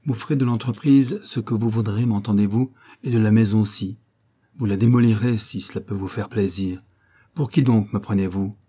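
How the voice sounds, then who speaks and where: A man voicing a grieving, big-hearted old male entrepreneur who speaks vehemently and exclaims in a husky voice. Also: fairly low pitch, steady tone, normal speed, warm tone. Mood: emphatic. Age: older.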